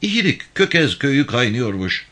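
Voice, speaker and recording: A man's voice: mid-range voice, sing-song, normal speed, bright, forceful tone, voice pushed up. A man voicing a young servant who chattily passes on village gossip to his master. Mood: reporting. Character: loyal young farmhand, eager to report.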